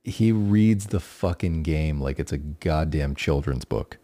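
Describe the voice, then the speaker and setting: A man's voice: rumbling low, unhurried, warm tone, no room sound. A man co-hosting a casual sports podcast, talking in a laid-back, profane way. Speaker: podcast co-host.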